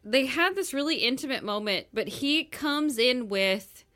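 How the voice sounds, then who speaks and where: A young woman co-hosting a chatty podcast, walking through a book's plot in a relaxed way. Her voice is bright and forward, with casual swearing. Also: sits high, measured pace. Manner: laid-back, summarizing, swears casually. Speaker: podcast co-host. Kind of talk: casual chat, book recap.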